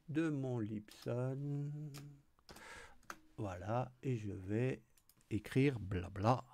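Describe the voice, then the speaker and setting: A man, explaining code step by step in a relaxed, hesitant tutorial with many fillers. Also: mid-range voice, gravelly. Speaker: tutorial host. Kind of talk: screen-recorded coding tutorial.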